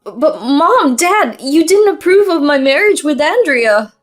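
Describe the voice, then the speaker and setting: A woman's voice: high voice, very animated, unhurried, faint music behind, voice pushed up. A woman voicing a cornered cheating husband who stammers and begs. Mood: desperate. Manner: stammering, begging.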